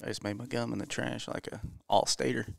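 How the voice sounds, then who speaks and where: A man doing casual, joking color commentary on a high school baseball game. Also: level tone, fairly quick, creaky, dry recording, clean studio sound. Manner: joking, chatty, self-deprecating. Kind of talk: casual local sports commentary.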